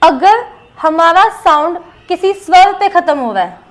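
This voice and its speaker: An Indian woman teaches a shorthand class with a high voice. She moves slowly and deliberately, saying each example word aloud more than once as she explains the rules. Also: lively intonation. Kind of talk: explaining a lesson step by step.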